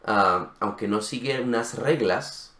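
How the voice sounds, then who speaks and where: A man co-hosting a language lesson, explaining step by step in casual conversation and often checking in with a quick question. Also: fairly low pitch, pushed and bright. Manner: methodical, checks in with frequent "¿sí?". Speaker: co-host of a language channel. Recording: roomy echo.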